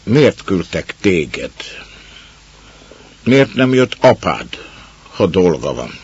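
A man's voice: low voice, very animated, breathy edge, full character voice. A man voicing a stern, commanding older baroness who snaps orders, on a dull lo-fi recording. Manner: sharp and scolding.

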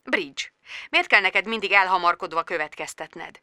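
A woman doing a quiet, hurt grown man. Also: on the low side, clear, resonant tone, dry recording, clean studio sound. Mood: hushed. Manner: quiet, subdued delivery. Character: soft-spoken grown man, hurt and defensive.

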